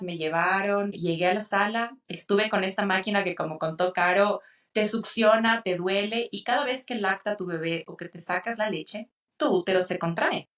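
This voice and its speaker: A young woman co-hosting a podcast, telling a personal birth story in an emotional, animated way. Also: medium pitch, recorded from a distance. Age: young adult. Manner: tearful, animated retelling with acted quotes. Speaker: podcast co-host.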